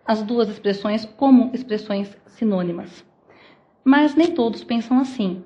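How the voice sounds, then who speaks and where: A woman's voice: fairly high pitch, dull audio. Brazilian woman lecturing with rhetorical questions. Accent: Brazilian Portuguese. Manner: explains step by step with rhetorical questions. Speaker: law lecturer. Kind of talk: academic lecture. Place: lecture hall.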